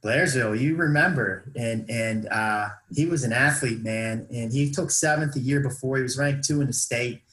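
A man who coaches wrestling, telling stories in an emphatic, animated way during a casual chat. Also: mid-range voice, normal speed, few pauses, roomy sound, poor audio.

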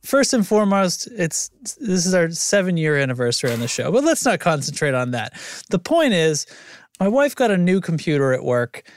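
A man in his thirties chats casually on a podcast he co-hosts. He rambles through jokey everyday stories, and his voice sits a little high. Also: big pitch swings, normal speed. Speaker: podcast co-host. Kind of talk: casual chat.

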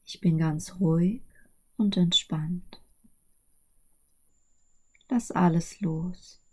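A woman narrating a guided sleep meditation in a soft, breathy, soothing voice that is often hushed close to a whisper. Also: lowish voice, extremely slow, low-quality recording.

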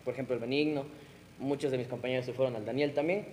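A young man, hosting a casual podcast chat with friends, relaxed and teasing. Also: medium pitch, fast talker, long reverb tail, a little hiss or hum. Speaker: podcast host asking questions.

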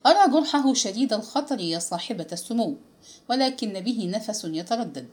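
A woman voicing a nervous male army officer who reports quietly and deferentially to a princess. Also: on the high side, lively intonation, fairly quick, natural voice. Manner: subdued and deferential.

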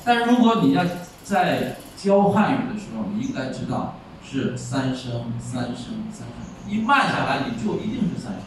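A man teaching a Chinese class, explaining tones by slowly acting out example words. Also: a little high, very animated. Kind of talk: classroom lecture. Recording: echoey room, far mic, faint noise.

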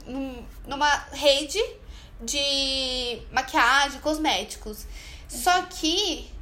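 A woman's voice: high voice, pushed and bright. A young woman co-hosting a casual chat, talking loosely with many fillers and acting out bits of dialogue. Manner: chatty, many fillers, acts out quoted dialogue. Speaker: podcast co-host. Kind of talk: casual chat, recommending a film.

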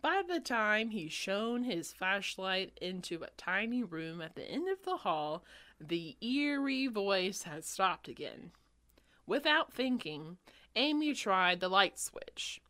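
A woman's voice: mid-range voice, pushed and bright. A woman reading a children's book aloud to a friend with dramatic narration. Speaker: reader.

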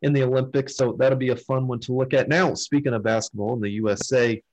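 A man's voice: medium pitch, fairly even intonation, fast, poor audio. A man hosting a casual sports chat, who runs through team lists and puts questions to his co-hosts. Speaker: podcast host.

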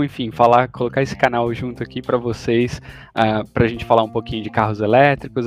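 A man's voice: mid-range voice, a little mellow. A man with a Brazilian Portuguese accent co-hosting a casual podcast, explaining things informally with frequent tag questions. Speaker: podcast co-host.

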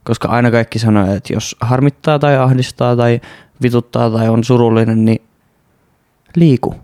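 A man's voice: medium pitch, steady tone, warm tone, smooth, no room sound, studio quality. A young man, rambling and swearing a lot as he hosts a casual solo podcast. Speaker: podcast host. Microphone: studio mic close up.

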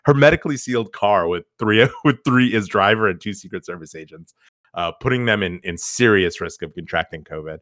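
A man's voice: low-pitched, a bit bright, dry recording, studio quality. A man hosting a podcast, reacting to clips with mocking, incredulous commentary. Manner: incredulous, mocking, quick asides. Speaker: podcast host. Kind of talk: sarcastic commentary.

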